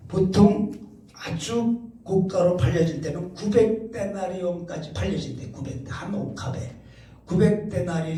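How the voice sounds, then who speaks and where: A man's voice: fairly high pitch, dark tone. A man preaching a sermon as pastor, explaining a passage step by step and repeating key phrases for emphasis. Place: church sanctuary. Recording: roomy echo, heard from a distance.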